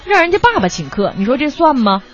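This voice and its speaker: A woman's voice: sits high, big pitch swings, fast talker, dull audio, soft background music. A woman hosting a radio show, chatting casually and telling anecdotes in a talkative, storytelling way. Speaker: radio host.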